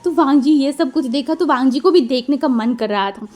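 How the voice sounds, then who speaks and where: A woman's voice: high-pitched, fairly quick, a little mellow, soft background music. A woman casually retelling a fan story in a chatty way, dropping in English words and giggling now and then. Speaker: fanfiction storyteller.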